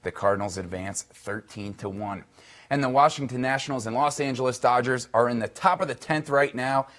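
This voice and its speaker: A man's voice: medium pitch, fairly quick, fairly bright tone. Upbeat male sports reporter. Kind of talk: scripted news sports segment.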